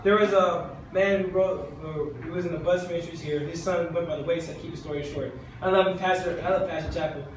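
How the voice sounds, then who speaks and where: A man's voice: on the high side, steady tone, brisk, few pauses, a little hiss or hum. A man preaching a sermon, exhorting his listeners with insistent repetition. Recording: very echoey church hall from far off.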